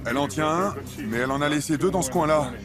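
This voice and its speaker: A man's voice: on the high side, fast, natural voice. A man dubbing a focused wildlife catcher who comments on his work in a documentary. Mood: explaining. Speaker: animal catcher in a dubbed documentary. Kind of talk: dubbed documentary reality commentary. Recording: music behind the voice.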